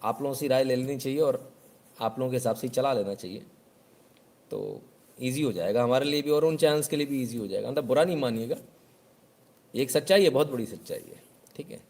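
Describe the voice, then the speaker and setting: A man's voice: medium pitch, a little fast, a little mellow. Sarcastic male live host. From Uttar Pradesh, India. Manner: sarcastic, mocking. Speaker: host of a live news show. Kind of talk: casual live commentary.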